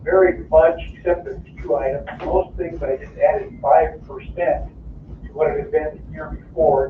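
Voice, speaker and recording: A man's voice: on the high side, far from the mic, a little hiss or hum. A man heard through a speakerphone, casually reporting on a budget and hedging with many fillers. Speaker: water plant staff presenting a budget. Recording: muffled speakerphone in an echoey room, heard from afar.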